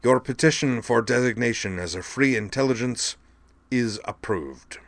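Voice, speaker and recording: Man putting on a formal board chairman, raised a little in pitch and set apart in tone from the narration. He pronounces rulings in a stiff, officious manner, every word measured. The recording stays close and dry. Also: fairly bright tone, no echo. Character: formal male doctor chairing a review board. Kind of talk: audiobook dialogue.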